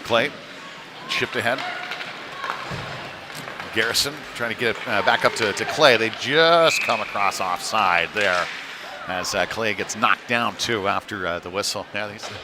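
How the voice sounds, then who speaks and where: A man with a lowish voice does casual play-by-play for a live hockey game, talking a bit slowly and pausing often. His phrasing is slightly hesitant, and the amateur broadcast carries loud arena noise.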